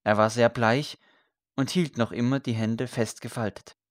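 A male audiobook narrator reading a story in a measured, steady manner. His voice sits at a middle pitch. The recording is dry and close. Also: no room sound.

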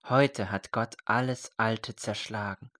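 A man voicing a calm, solemn leader. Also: on the low side, slow. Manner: quiet, solemn, earnest.

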